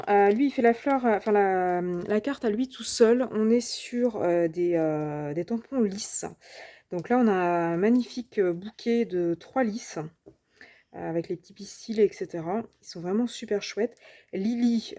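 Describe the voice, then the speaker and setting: A woman with a mellow, warm voice talks through a casual unboxing of craft supplies. She is chatty and hesitant, often stopping mid-phrase to find the right word. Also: mid-range voice. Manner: chatty and hesitant, often pausing to search for words. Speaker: crafting channel host. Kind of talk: casual unboxing and product review.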